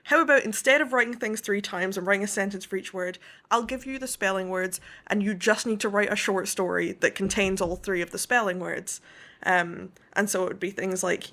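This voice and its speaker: A young woman from Scotland's west coast, an author, tells her story as an interview guest in a thoughtful, detailed way. Her voice is medium in pitch with a sharp tone.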